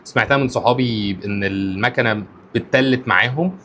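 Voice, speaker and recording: A man with an Egyptian accent giving casual, excitable reaction commentary on a rap album and swearing oaths often. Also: mid-range voice, brisk, slight background noise. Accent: Egyptian Arabic. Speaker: rap reviewer, content creator.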